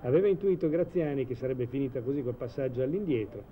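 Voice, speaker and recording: A man giving measured live football commentary in a 1980s TV broadcast style, hesitating now and then mid-sentence. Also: medium pitch, phone-quality sound. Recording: old TV broadcast, steady stadium noise.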